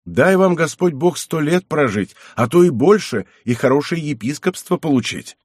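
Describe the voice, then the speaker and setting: Man doing a crafty old knight, fawning and pleading, a bit higher, audiobook character. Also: animated, moderate pace, breathy edge, no room sound, studio quality. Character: cunning, flattering old male knight.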